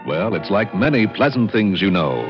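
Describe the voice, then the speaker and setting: Animated old radio announcer man, low voice. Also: moderate pace. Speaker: commercial announcer. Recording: muffled old radio recording with music.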